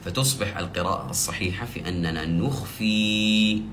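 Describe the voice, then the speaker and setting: A man teaching the rules of Quranic recitation, explaining step by step and slowly drawing out the example verses he recites. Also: fairly low pitch, fairly bright tone, faint music behind. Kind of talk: tajweed lesson.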